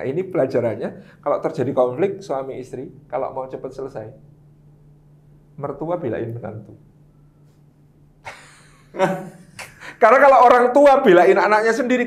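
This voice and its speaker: A man's voice: a little high, slight background noise. A man preacher in a casual religious talk, telling stories and acting out the quotes. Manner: storytelling, animated with acted quotes. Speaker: Islamic preacher guest. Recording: roomy echo.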